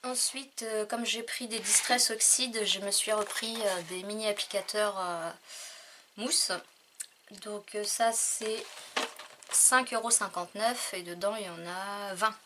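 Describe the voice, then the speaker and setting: A woman's voice: medium pitch, steady tone, a little slow, noisy background. Hesitant woman filming a craft haul. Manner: hesitant, many fillers, trails off quietly. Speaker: crafting vlogger. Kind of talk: casual haul vlog.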